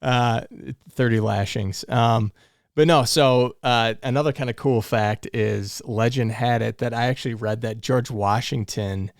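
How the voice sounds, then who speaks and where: A man's voice: medium pitch, measured pace, no room sound, clean studio sound. A man co-hosting, chatting casually and often asking "right?". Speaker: co-host. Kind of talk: casual chat.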